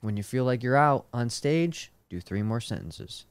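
A man's voice: mid-range voice, lively intonation, moderate pace, dry recording. A young man, a stand-up comedian, in casual, rambling and crude podcast banter.

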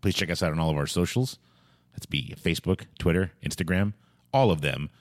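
Super deep voiced guy hosting a casual podcast, dry close sound, kinda rambles. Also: a little fast, no room sound. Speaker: podcast host.

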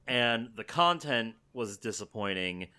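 A man co-hosting a casual podcast chat, blunt and animated, swearing freely. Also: medium pitch, a little slow, clear, resonant tone.

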